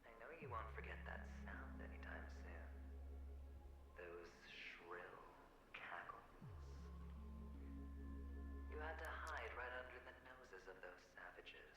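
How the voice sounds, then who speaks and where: An actor playing a sinister, taunting man in a video game, with slow theatrical villain menace and breathy whispers. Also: low voice, lively intonation, loud music behind the voice. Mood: menacing taunt. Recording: heavily echoing, noisy game audio with ambience.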